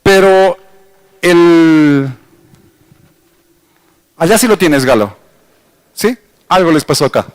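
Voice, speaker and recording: A middle-aged Ecuadorian pastor with a bright, high-pitched voice teaches his congregation. He speaks with an Ecuadorian accent, talks to the people directly, and slows right down when he spells out a word. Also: expressive, smooth. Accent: Ecuadorian Spanish. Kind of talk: teaching sermon. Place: church hall.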